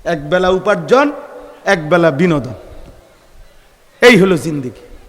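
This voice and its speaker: A man preaching a fiery sermon at an outdoor rally, with a Bangladeshi Bengali accent, hammering rhetorical questions and breaking into sudden shouts. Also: a little high, big pitch swings, unhurried, big-room sound. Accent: Bangladeshi Bengali, colloquial. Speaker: Islamic preacher. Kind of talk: fiery open-air sermon. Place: large outdoor rally ground.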